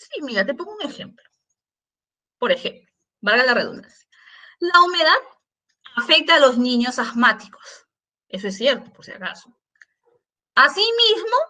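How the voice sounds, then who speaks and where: A middle-aged woman teaches an online grammar class with a high, bright voice. Her pitch swings widely as she asks questions. She is patient and repeats her examples for the students. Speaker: secondary school language teacher.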